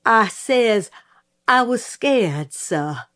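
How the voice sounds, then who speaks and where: A woman voicing a calm, respectful young man on the witness stand, speaking plainly. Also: on the high side, drawn-out words, voice pushed up, heavily acted. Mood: steady. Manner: plain, quiet, polite.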